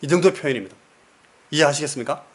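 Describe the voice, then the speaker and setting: Male Korean pastor, sermon delivery, slightly high pitch, storytelling, asks the congregation questions, repeats key words. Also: fast, fairly bright tone.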